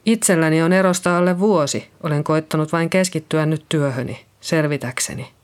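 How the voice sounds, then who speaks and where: A reader voicing Liisa, a nervous middle-aged nurse who found a body and speaks in a hesitant, shaky way. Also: female voice, low-pitched, lightly acted. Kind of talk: audiobook reading.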